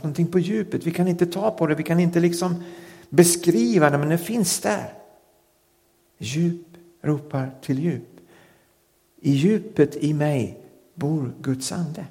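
A man preaching a sermon in earnest, slowing down and leaning into key phrases. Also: on the high side, mellow. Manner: earnest, rising emphasis and slowed words on key phrases. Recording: long reverb of a hall.

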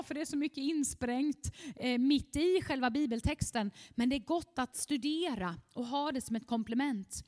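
A woman preaching a fervent sermon, at times rising almost to shouting. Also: sits high, in a large hall.

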